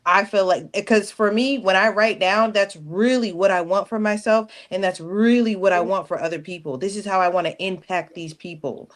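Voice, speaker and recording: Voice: medium pitch, normal speed, hardly any pauses. A guest on a casual livestream chat, speaking earnestly and reflectively.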